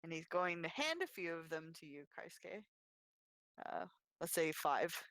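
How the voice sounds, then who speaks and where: A woman acting as game master, narrating a tabletop game with many pauses and ums. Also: fairly low pitch, very animated, a bit bright, no echo, rough recording. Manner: hesitant, full of ums and uhs.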